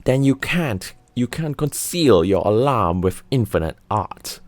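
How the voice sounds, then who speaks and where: A man's voice: medium pitch, very animated, unhurried, no echo, voice pushed up. A man playing a teasing, jovial old uncle in whispered role-play, with a wry manner. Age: older.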